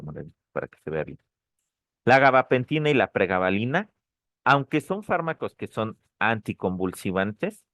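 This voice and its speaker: A lower-pitched man, teaching a pharmacology class online. He repeats the key terms and keeps checking in with a quick "ok?". The recording is close and dry. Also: fairly bright tone, no echo. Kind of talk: online lecture. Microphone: dry close mic, online session.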